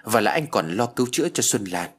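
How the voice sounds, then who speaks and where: Man, ghost story narrator, low voice, husky, lively, dramatic. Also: fairly quick.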